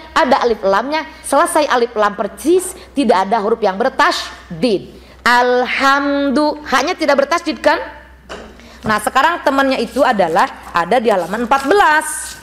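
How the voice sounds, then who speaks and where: A woman teaching Quran recitation rules to a women's study group in a mosque, quizzing the class as she goes. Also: mid-range voice. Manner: brisk, asks the class questions and drills responses.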